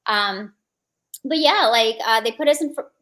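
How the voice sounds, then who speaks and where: This interview guest, a woman who was born in India and grew up in the United States, speaks with an American accent as she casually recounts personal stories. Her voice sits on the high side, a little slow and a bit bright.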